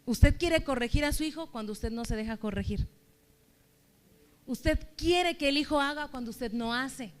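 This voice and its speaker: A woman's voice: high voice, normal speed. A woman church leader preaching a sermon, exhorting her listeners with strings of rhetorical questions.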